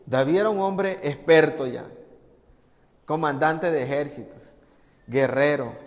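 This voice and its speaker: Guy preaching a sermon, kinda high voice, lively, acts out the people in the story, big echoey hall. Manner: animated, asks rhetorical questions and answers them.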